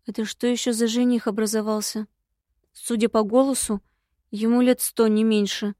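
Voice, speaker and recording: A woman narrating a first-person fantasy audiobook in a wry, lively storytelling manner. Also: fairly high pitch, normal speed, no echo, studio quality.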